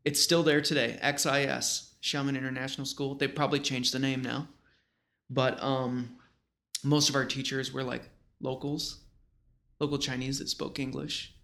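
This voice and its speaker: With a fairly bright, fry-tinged voice at mid-range pitch, this thirtysomething guest from a small western New York town rambles through informal, slang-filled stories. His pace is moderate and his pitch barely shifts.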